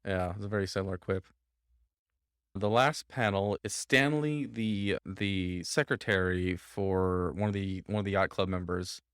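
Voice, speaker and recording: A man co-hosting a casual podcast, chatting about old comics in a relaxed way with fillers. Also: low-pitched, a little slow, smooth, no echo, clean studio sound. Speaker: podcast co-host.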